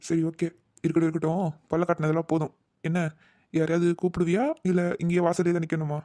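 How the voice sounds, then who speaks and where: A man's voice: fairly high pitch, monotone, fast talker, dark tone, no room sound, studio quality, natural voice. A man voicing a flustered young brother in a cartoon, bickering with his sister and muttering panicky asides. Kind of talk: cartoon voice acting.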